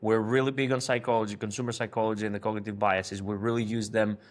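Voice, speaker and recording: A man's voice: on the low side, flat delivery, quick pace. A man from Greece, a marketing agency co-founder speaking in a podcast interview, hesitant, with frequent fillers and restarts.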